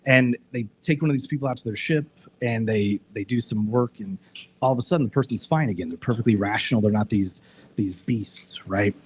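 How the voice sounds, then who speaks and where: A man's voice: fairly low pitch, a little fast, a little hiss or hum, low-quality recording. A man speaking casually at a live discussion event, retelling a TV episode with lots of restarts and filler words. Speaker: discussion panelist.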